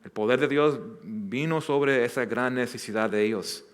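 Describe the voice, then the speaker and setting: A man's voice: medium pitch, moderate pace, clear, resonant tone. A man pastor teaching a Bible passage verse by verse, earnest, often restarting and repeating words. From Southern California. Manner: earnest, with many restarts and repeated words, acting out quoted lines.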